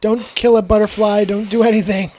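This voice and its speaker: A woman co-hosting a casual movie podcast, teasing the others with quick jokes. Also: mid-range voice, level tone, warm tone. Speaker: podcast co-host.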